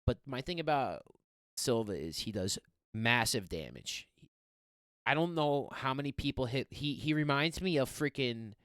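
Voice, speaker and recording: Excitable young guy, slangy. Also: mid-range voice, clear, resonant tone, no echo, studio quality. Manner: excitable, rambling, slangy with "bro" and "man". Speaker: MMA fight picks host. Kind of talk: casual fight preview monologue.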